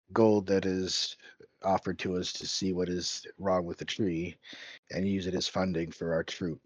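A man voicing a big, sturdy male adventurer who proposes plans in a slow, deliberate way during tabletop roleplay, heard through a dull lo-fi mic. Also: sits low, no echo.

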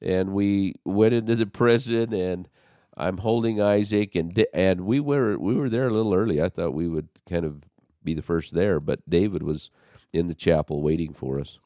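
Deep-voiced man telling an animated story. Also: moderate pace, dry recording. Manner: animated storyteller, acts out quotes. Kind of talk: storytelling in casual conversation.

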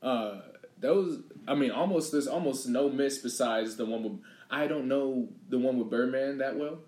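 A man's voice: medium pitch, normal speed. Laid-back male podcast co-host, casual talker, medium voice, echoey room. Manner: relaxed, laid-back, reels off lists. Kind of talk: casual chat. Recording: roomy echo.

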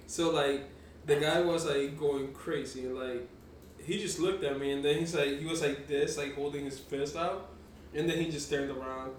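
A man's voice: on the high side, fairly even intonation, moderate pace, far from the mic. A man telling a story in casual podcast chat, rambling, swearing and laughing often. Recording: echoey room, off-mic, faint noise.

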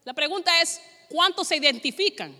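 A woman pastor preaching an animated sermon in a church, acting out scenes as she goes. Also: high voice, faint music behind. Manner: animated, acts out scenes with quick voice shifts. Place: church sanctuary. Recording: long reverb in a large hall.

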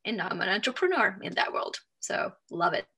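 A woman's voice: medium pitch, sing-song, fairly quick, pushed and bright. A woman in her thirties from Finland with a Finnish accent, chatting loosely as an interview guest and thinking aloud with many fillers. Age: 30s. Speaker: guest, authenticity coach. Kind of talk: casual interview chat.

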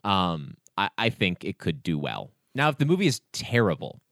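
A man's voice: sits low, sing-song, moderate pace, fairly bright tone, no echo, studio quality. A man, a teacher, chatting casually as a podcast co-host, rambling with fillers and restarts as he thinks aloud. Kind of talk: casual chat.

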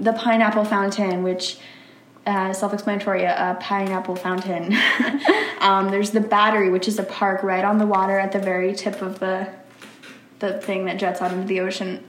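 A young woman, a college student from the Philadelphia area, chatting casually as an interview guest, giggly and full of fillers. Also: medium pitch. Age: young adult. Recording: roomy sound with faint noise.

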